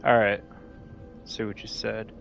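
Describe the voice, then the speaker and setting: A man's voice: lowish voice, level tone, unhurried, creaky, fairly bright tone, soft background music. A young man casually chatting and swearing while streaming a game, eating as he talks. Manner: rambling, swears freely, talks with mouth full. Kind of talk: casual livestream chat.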